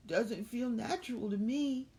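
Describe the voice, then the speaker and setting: A woman voicing a timid young girl bird who is scared to fly, soft and whispery. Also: fairly high pitch, measured pace, pitched above the performer's own voice. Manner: small, timid, breathy and whispery.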